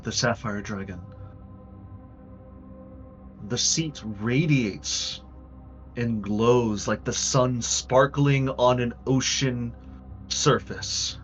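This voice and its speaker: A man acts as game master, narrating fantasy scenes slowly and portentously with dramatic pauses. His voice is fairly low, over soft music in a slightly muffled recording.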